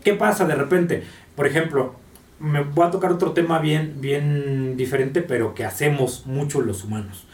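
A man with a Mexican Spanish accent, a podcast guest explaining dog behavior in a casual, patient way, often slipping into a high voice to imitate owners. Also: normal speed, a little mellow. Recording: echoey room, mic at a distance.

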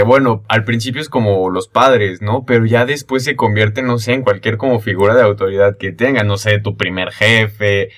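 A man's voice: fairly low pitch, a bit bright. A man with a Mexican accent, hosting a podcast conversation casually and adding jokes. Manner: casual, joking asides.

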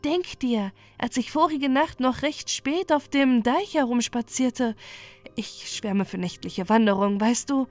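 A talkative lapwing, vain and easily alarmed, as a woman reads him aloud. The voice rides high and bright, with faint music under it. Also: a little slow, natural voice. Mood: chatty. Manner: chatty, touchy, easily alarmed. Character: chatty vain male lapwing bird. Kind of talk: storybook reading.

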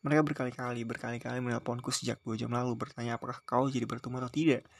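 A man's voice: mid-range voice, flat delivery, very fast, vocal fry. A man voicing a male political fixer who is irritated and reproachful on a phone call, in an audiobook reading. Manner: reproachful, complaining.

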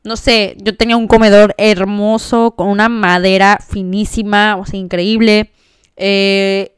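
A Mexican woman hosting a podcast, telling a personal story in a chatty, expressive way with many fillers. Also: medium pitch, unhurried, smooth, no echo. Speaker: podcast host. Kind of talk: casual storytelling monologue.

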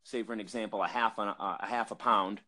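This Boston-accented man from Massachusetts, a cannabis industry guest, talks fast in a fairly low, fairly even voice that sounds pushed and bright. Chatting casually on a podcast, he recounts an industry story with plenty of fillers and restarts.

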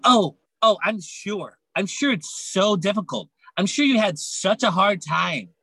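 Teen cheerleader, played by a woman: sulky, sarcastic, unhurried, dry studio sound, comic audio drama. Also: mid-range voice, lively intonation, a bit bright, dry recording. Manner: hesitant then sarcastic, drawn-out. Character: snarky, sulky teenage cheerleader girl. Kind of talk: comedic radio-play acting.

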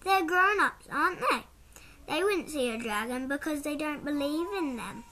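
A woman's voice: high voice, expressive, normal speed, sharp tone. A woman reading as a lazy, wry dragon. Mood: drowsy, wry.

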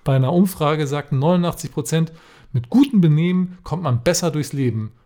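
Brisk and mellow, a man's fairly high voice carries through a casual podcast chat as he co-hosts and reads jokes aloud. He frequently breaks into laughter mid-joke.

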